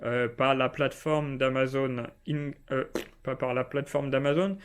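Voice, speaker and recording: A man's voice: medium pitch, fairly even intonation, normal speed, clean tone. A man hosting a casual self-publishing vlog indoors, talking informally to the viewer with plenty of fillers. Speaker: self-publishing video host. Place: indoors, not at home.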